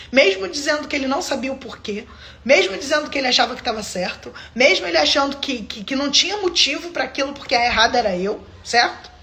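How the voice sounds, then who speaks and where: High-voiced woman giving testimony. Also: fairly bright tone. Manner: emphatic storyteller addressing viewers directly. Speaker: host of a faith live stream. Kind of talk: personal faith testimony. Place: at home, streaming live.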